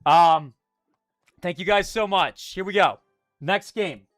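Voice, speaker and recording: A young man live streaming and chatting with his viewers, jumping between loud hype and a low, mock-menacing mutter. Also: takes it slowly, no room sound, studio quality, soft background music.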